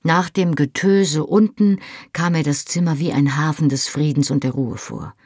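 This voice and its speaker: An audiobook reader narrating a novel in first person, in a measured storytelling manner. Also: medium pitch, a little mellow, breathy edge, dry recording, clean studio sound.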